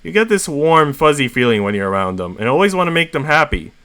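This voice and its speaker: An earnest, awkward adventurer boy, acted by a man in a story reading. His voice is lifted in pitch and his delivery is emphatic and excitable. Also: quick pace. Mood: earnest, flustered.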